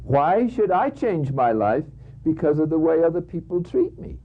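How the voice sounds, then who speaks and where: A man voicing a calm, unbothered commuter who soothes his upset friend in a low, hushed voice. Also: moderate pace, narrow, tinny audio.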